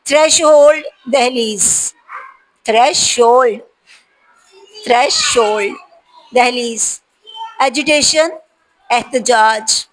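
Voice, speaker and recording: High-voiced woman teaching spelling words. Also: rough recording. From Pakistan. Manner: reads each word slowly, then explains it. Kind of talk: vocabulary lesson for spelling practice.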